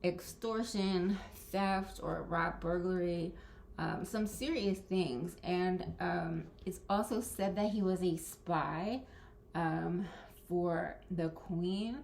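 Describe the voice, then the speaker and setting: Slow, hesitant woman with a gravelly voice. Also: on the low side, a little mellow, a little hiss or hum. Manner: hesitant, many fillers and restarts. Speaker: presenter. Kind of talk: informal spoken lesson.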